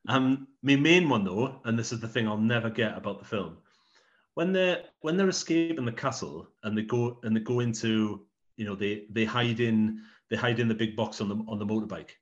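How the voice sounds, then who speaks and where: A man's voice: medium pitch, normal speed, muffled recording. A man co-hosting a casual film-review podcast, rambling and restarting his sentences. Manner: rambling, repeats words as he restarts. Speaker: podcast co-host.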